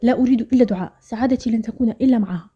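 A woman voicing a lovesick, gentle young man in a storybook narration, talking softly and wistfully. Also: on the high side, rapid-fire, breathy edge. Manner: soft, wistful, quietly pleading. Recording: dull lo-fi audio with faint music.

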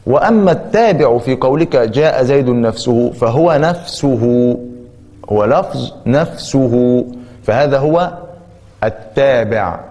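A man teaching a grammar lesson, explaining deliberately and stressing and repeating key terms. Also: mid-range voice, expressive, warm tone, big-room sound.

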